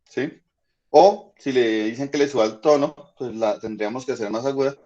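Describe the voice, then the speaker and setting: Patient teacher, lo-fi call audio. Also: male voice, mid-range voice, a little fast, mellow. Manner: patient, checks in often with "¿listo?". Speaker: high school physics teacher. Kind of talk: online class lecture.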